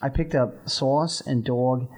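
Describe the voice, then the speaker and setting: A young Texan man with a mid-range voice co-hosts a college radio show. He talks slowly and casually, rambling along in a relaxed way with lots of "like" fillers.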